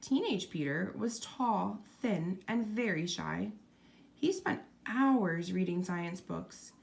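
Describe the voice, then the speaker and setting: Narrating a storybook aloud, a woman delivers a scripted, expressive reading. Her pitch swoops in a lively way, and her voice often drops into a creaky fry.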